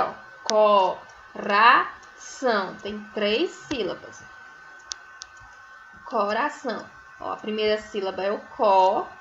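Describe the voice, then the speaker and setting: A woman teaching a recorded first-grade phonics lesson, sounding out syllables slowly and often checking in with tags. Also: on the high side, a bit bright, highs cut off, slight background noise. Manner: slow, drawn-out syllables, sounding words out; frequent checking tags like "né?" and "certo?". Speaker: primary school teacher.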